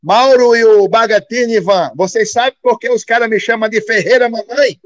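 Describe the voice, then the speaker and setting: Man with a very high voice, loud, acts out the dialogue, dry dull call audio. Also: moderate pace, no room sound. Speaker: former football player, guest. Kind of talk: lively anecdote on a call.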